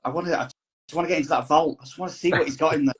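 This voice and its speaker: A man's voice: a little high, rapid-fire. A man, a musician guest on a podcast, talking in a rambling, thoughtful casual chat. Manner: rambling, thoughtful, many restarts.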